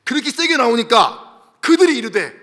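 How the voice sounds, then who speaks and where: Animated, bright-voiced male pastor preaching. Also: high-pitched, normal speed, long reverb tail. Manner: animated, exclaiming, storytelling. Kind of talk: sermon.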